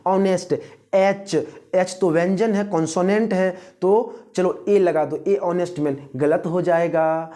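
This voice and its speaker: A man teaching English grammar for exams, reading example sentences slowly and quizzing his listeners, with an Indian accent. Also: sits high, warm tone. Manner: slow, drawn-out reading of example sentences, mixing English into instruction; quizzes listeners and pauses for guesses. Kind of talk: exam-prep grammar lesson.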